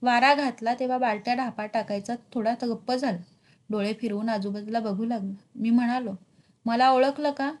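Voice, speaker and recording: A woman teacher reading a novel aloud with expressive emphasis for her students. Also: a little high, fairly quick. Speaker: literature teacher.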